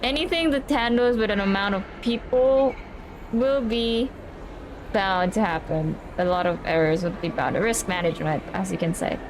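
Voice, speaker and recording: On a casual live stream with a noisy background, a rambling young woman talks with viewers at a moderate pace in a mid-range voice. She's from the Philippines, speaks Tagalog as her first language, and keeps restarting words and repeating "I, I."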